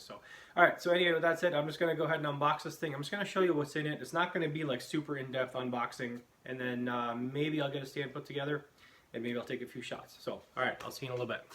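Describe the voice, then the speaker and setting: A man's voice: medium pitch, a bit bright. A man casually presenting a product review vlog in an echoing basement, rambling and often restarting his phrases. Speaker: host of a bowhunting video channel. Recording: echoey basement room, noisy background.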